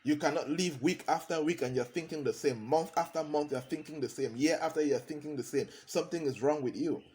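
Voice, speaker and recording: A consultant from Cameroon gives a motivational talk, driving his points home by repeating key phrases. His voice is fairly high in pitch with a darkish tone, and he talks a little fast.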